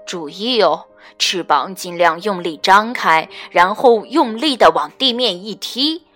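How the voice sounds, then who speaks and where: A woman voicing a calm, wise pterosaur father in a storybook, patiently giving instructions. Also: medium pitch, a little slow, soft background music, voice pushed down. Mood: instructive.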